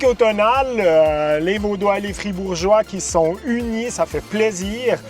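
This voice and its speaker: A man with a Swiss French accent, casually presenting a food show as host, with a hesitant, halting delivery. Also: sits high, faint music behind.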